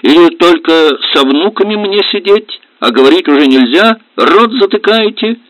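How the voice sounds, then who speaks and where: A man voicing an aggrieved older mother-in-law who scolds and complains, in a high voice, reading an audiobook. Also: big pitch swings, a little slow, fairly bright tone, no room sound, full character voice. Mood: indignant. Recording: dull lo-fi recording.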